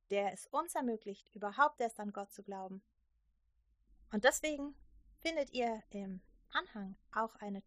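A woman's voice: medium pitch, sharp tone, no echo, studio quality. A woman leading children's church, telling a Bible story to kids in a friendly, explaining way.

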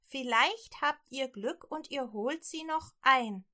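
A woman voicing a bold, quick-witted woman innkeeper in a children's Bible story, brisk and lively. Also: high voice, voice pushed up, exaggerated voice. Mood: urgent.

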